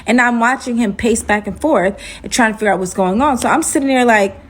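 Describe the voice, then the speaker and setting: A woman telling a personal story to her viewers in a casual storytime vlog, animated and chatty, calling them y'all and saying "like" often. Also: a little high, brisk, slight background noise. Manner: animated, addresses viewers as y'all, heavy use of "like".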